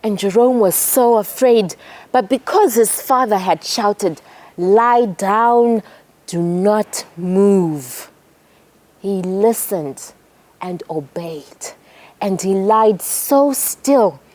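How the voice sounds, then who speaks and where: A woman with a Zimbabwean accent telling a story to children, expressive and talking directly to them. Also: mid-range voice, slow. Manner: expressive, speaks directly to the kids.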